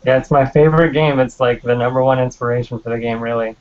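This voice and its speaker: A man's voice: mid-range voice, steady tone, fast, darkish tone. A man being interviewed on a podcast about his game, talking hesitantly with many ums and uhs. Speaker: game developer guest. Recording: dull lo-fi podcast audio.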